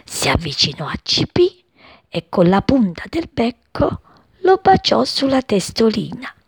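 A woman reading a story aloud to children in a hushed, breathy narrating voice. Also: fairly high pitch, wildly swooping pitch, unhurried, no echo.

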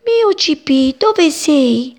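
A woman voicing an anxious mother sparrow who calls out high and urgent in a children's storybook. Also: lively intonation, slow, creaky, heavily acted. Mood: desperate.

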